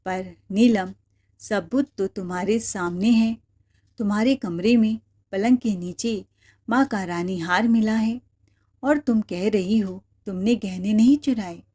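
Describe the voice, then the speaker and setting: A woman's voice: mid-range voice, unhurried, mellow, close to an everyday voice. Young husband, stern and questioning, voiced by a woman narrator.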